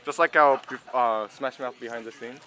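A man's voice: medium pitch, normal speed, sharp tone. A young man filming a vlog behind the scenes, teasing and joking with swearing. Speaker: vlogger, holding the camera. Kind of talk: casual chat.

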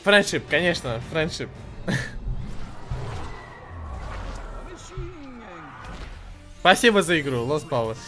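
A young man giving casual, excitable live commentary while streaming a video game. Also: fairly high pitch, fairly quick, few pauses, over music. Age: young adult.

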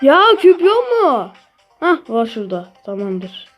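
A woman with a Turkish accent giving live commentary on her own gameplay, swearing and shouting at opponents. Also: fairly high pitch, sing-song, a little slow. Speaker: gaming channel host. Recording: faint game music behind.

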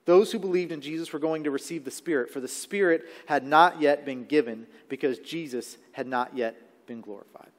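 A man's voice: a little high, moderate pace, few pauses. A man preaching a sermon live in a church, talking conversationally and checking in with the congregation. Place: church sanctuary. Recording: live sermon with long hall reverb.

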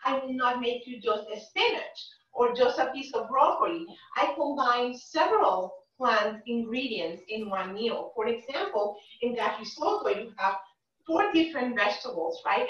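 Cooking live at home, a middle-aged chef of Dominican and Cuban heritage talks viewers through every step, frequently checking in with "right?" Her voice is a little high and a bit bright. Since the camera sits across the kitchen, the audio is distant, roomy and muffled.

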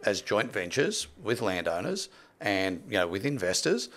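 In a small indoor podcast studio, a property development expert in his sixties tells stories conversationally and with emphasis, using a close boom-arm mic and headphones. His voice is on the low side and fairly bright, with a sing-song lilt at a normal speed.

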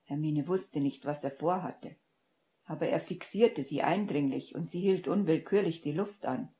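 Low-voiced woman reading a story aloud. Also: normal speed, mellow. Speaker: audiobook reader. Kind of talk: fan-fiction audiobook narration.

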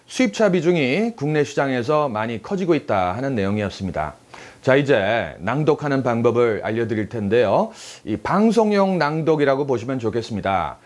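A man teaching English read-aloud, explaining and then demonstrating phrases with strong stress and pauses. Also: medium pitch, a little mellow. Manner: breaks phrases apart, stresses words to model rhythm. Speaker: English teacher and former news anchor. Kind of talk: instructional explanation with demonstration readings.

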